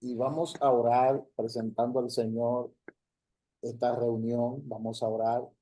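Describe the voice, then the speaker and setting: A male pastor leading an opening prayer in a church service, in a slow, solemn manner with repeated praise phrases. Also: medium pitch, dark tone. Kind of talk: sermon prayer.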